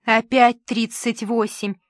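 Woman doing a frazzled young studio girl, sweet-talking but snippy, highish voice. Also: level tone, dry recording. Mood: coaxing. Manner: coaxing, cajoling, quick to snap back. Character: flustered young female studio administrator, coaxing and snappy.

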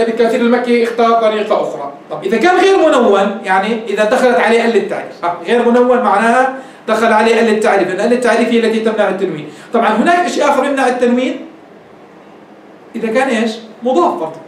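A man with a Levantine Arabic accent teaches a grammar class, explaining patiently and checking that his students follow. His voice sits very high for a man, and he talks quickly. The recording is strongly echoey, with the mic well away from him. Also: slight background noise. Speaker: Islamic scholar teaching grammar. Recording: echoey room, mic at a distance.

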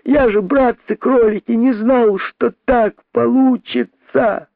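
A man's voice: very high voice, steady tone, slow, creaky, no room sound, pitched above the performer's own voice, heavily acted. A man voicing a frightened male rabbit who pleads and wails in a raised, panicky voice. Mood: pleading. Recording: dry, narrow phone-like sound.

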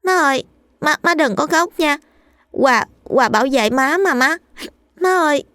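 A woman's voice: high-pitched, expressive, normal speed, fairly bright tone, dry recording, studio quality, pitched above the performer's own voice. A woman voicing a small, clingy young boy who pleads and sobs. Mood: tearful. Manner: sobbing, pleading.

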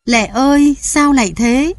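A woman's voice: medium pitch, lively intonation, measured pace, no echo. A woman reading a story aloud, voicing a desperate grieving man who wails and curses bitterly. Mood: anguished wailing. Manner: wailing, then scornful cursing.

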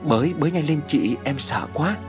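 A man's voice: lively intonation, normal speed, over music, natural voice. Terrified timid young woman, as a man puts her on. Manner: panicked, high-pitched pleading.

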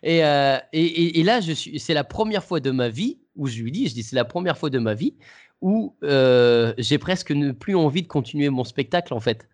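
A man's voice: on the high side, animated, moderate pace. A man, a comedian guest, casually telling an anecdote in an interview, hesitant and full of restarts. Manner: hesitant, many restarts and fillers.

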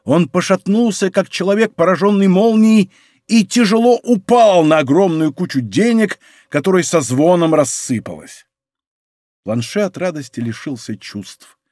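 A man narrating a historical adventure novel in expressive scripted storytelling. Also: sits high, normal speed, no room sound, studio quality. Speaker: audiobook narrator.

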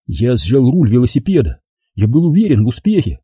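A man reading a children's storybook aloud in the first person, expressive and lively. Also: medium pitch, brisk, husky, no room sound, clean studio sound. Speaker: audiobook reader. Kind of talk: storybook narration.

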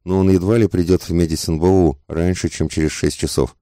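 A man's voice: deep voice, fairly even intonation, a little fast, mellow, no echo, studio quality, lightly acted. A man voicing a cautious, matter-of-fact train conductor in an audiobook. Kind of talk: audiobook character voice.

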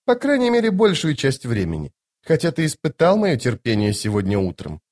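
A man's voice: medium pitch, huge pitch swings, brisk, a little mellow, pitched above the performer's own voice. A man voicing a haughty, teasing sorceress in an audiobook, speaking in a mocking, commanding way. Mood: coquettish. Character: haughty, teasing sorceress woman, playful and imperious. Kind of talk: audiobook character voice.

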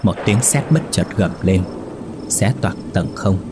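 A man narrating a ghost story in a steady, somber manner. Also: sits low, slow pace, over music.

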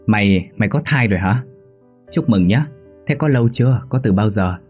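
A man's voice: on the low side, expressive, normal speed, a little mellow, husky, faint music behind. A man voicing a caring young female schoolteacher who soothes and reassures her friend. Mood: cheerful.

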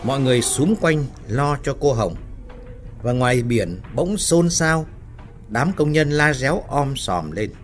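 A man narrating a ghost story in a dramatic, steady storytelling voice. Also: mid-range voice, unhurried, faint music behind.

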